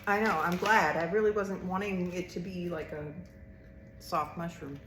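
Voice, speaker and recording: A woman's voice: on the low side, steady tone, normal speed. Woman snacking in a noisy, echoey room. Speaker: snack review host. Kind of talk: casual taste-test chat. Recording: roomy echo, clear background noise with clicks.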